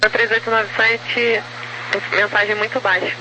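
A man's voice: high-pitched, little pitch movement, a little slow. A Brazilian man working as an air traffic controller, giving clipped procedural callouts over aviation radio. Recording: noisy aviation radio transmission.

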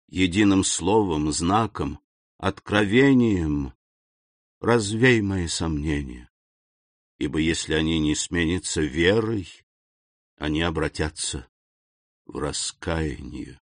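A man voicing a grave, noble middle-aged count, calm and measured in an audiobook reading. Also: low voice, dry recording, clean studio sound, pitched below the performer's own voice. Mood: solemn.

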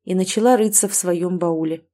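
A woman narrating an audiobook in the first person, with an even, dry reading manner. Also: fairly low pitch, moderate pace.

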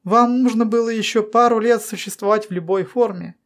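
A woman's voice: medium pitch, moderate pace, a little mellow, lightly acted. A woman voicing a man, a surgeon, who speaks with heated conviction in an audiobook. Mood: earnest. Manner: heated, earnest. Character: adult male surgeon, fervent and admiring.

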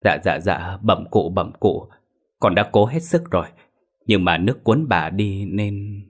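A man voicing a frightened young servant in a spoken ghost story. He stammers and speaks humbly in a low voice. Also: normal speed. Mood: fearful. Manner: stammering, deferential.

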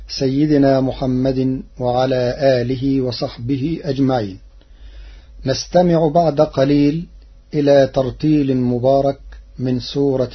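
A man giving a formal radio lesson on Quran reading, measured and deliberate, drawing out the words he quotes. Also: mid-range voice, slightly rough. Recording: dull lo-fi old radio broadcast.

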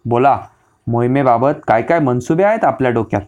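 A man's voice: medium pitch, animated, a little fast, darkish tone, highs cut off, natural voice. A male narrator voicing a dignified, seasoned commander who speaks formally and fondly to his young nephew in an audiobook. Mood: affectionate. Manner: formal, courtly speech.

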